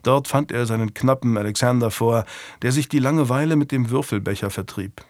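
A man reading scripted narration for an audiobook in an even storytelling manner. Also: mid-range voice, fairly quick, dry recording, studio quality.

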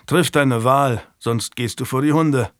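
A man's voice: medium pitch, a little slow, a bit bright, no echo, studio quality, lightly acted. Man voicing a wry, weary knight. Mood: frank. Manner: wry, candid. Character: weary, frank adult male knight.

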